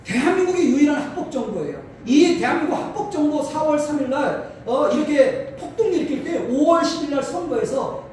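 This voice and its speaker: This Chungcheong-born pastor, a man, speaks in a very high, expressive and slightly mellow voice, moving briskly with few pauses. He delivers a combative political lecture, hammering rhetorical questions and repeating himself to drive points home. The recording comes from a distant mic in an echoey hall with faint noise.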